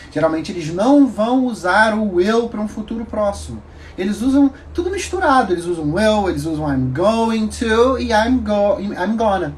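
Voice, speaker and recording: A man explaining grammar in a casual video lesson, chatty and animated, with quick asides. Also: sits high, slight background noise. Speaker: English teacher.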